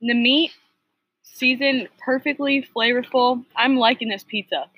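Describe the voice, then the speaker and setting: A woman's voice: fairly high pitch, steady tone, moderate pace, fairly bright tone, breathy edge, low-quality recording. A young woman who is a guest on a casual podcast, friendly and detailed in her opinions. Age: young adult. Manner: friendly, gives detailed appraisals. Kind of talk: casual chat.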